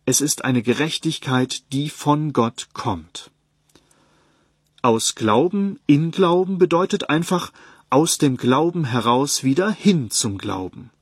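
Ruhiger Mann mit heiserer Stimme, trockene Aufnahme. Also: male voice, fairly high pitch, slightly rough, no echo, clean studio sound. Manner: calm, measured, citing verses. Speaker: Bible teacher. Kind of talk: read sermon on a Bible text.

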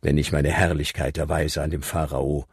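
A man voicing God, solemn, grave and measured in his commands. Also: a bass voice, little pitch movement, creaky, breathy edge, dry recording, studio quality, full character voice. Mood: solemn commanding. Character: God, deep commanding divine male voice.

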